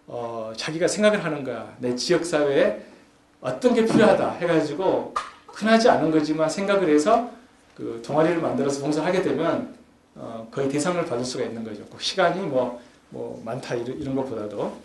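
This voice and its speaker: A man's voice: a little high, expressive, brisk, a little mellow. A man with a slightly raised voice delivers a chatty lecture in a large echoing hall, a faint hum beneath him. He slips into little acted-out scenes and leans harder on his key points. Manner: chatty, acts out everyday scenes with rising emphasis. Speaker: forum lecturer. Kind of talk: conversational lecture. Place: lecture hall at a youth forum.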